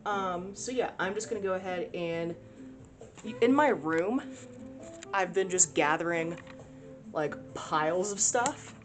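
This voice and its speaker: A woman's voice: fairly low pitch, a little slow, pauses often, over music. A young woman chatting casually through her day at home for a vlog, rambling with lots of fillers. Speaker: vlogger.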